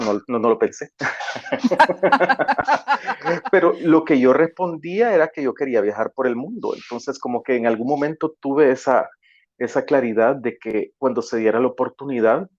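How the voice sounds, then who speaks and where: A man's voice: medium pitch, expressive, moderate pace, no echo. A middle-aged man, a podcast guest telling stories in a friendly, reflective way. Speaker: podcast guest, travel industry professional. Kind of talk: casual podcast conversation. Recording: dry, slightly dull audio.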